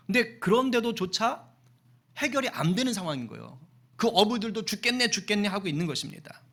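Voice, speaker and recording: A man, a senior pastor, preaching a Sunday sermon in a conversational and lively way, acting out voices in his storytelling. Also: sits high. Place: church sanctuary.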